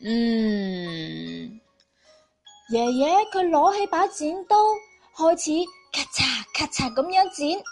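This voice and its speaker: Music plays softly behind a woman with a Cantonese accent and a high voice. She narrates a storybook for small children, taking her time and keeping it expressive.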